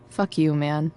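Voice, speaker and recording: Low-voiced sardonic teenage rebel girl. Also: dark tone, far from the mic. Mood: defensive. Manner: dry, sarcastic, hesitant, slangy. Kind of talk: video game voice acting.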